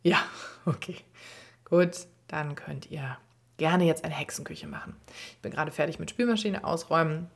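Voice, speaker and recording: A woman's voice: deep voice, normal speed, gravelly. A woman voicing a curious, playful father in a children's story, eager and coaxing. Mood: easygoing.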